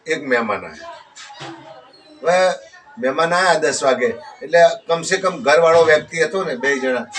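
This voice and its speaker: A man's voice: mid-range voice, fairly bright tone. A man telling a rambling folk story and closing with a moral, repeating his phrases. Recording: distant mic with faint background noise.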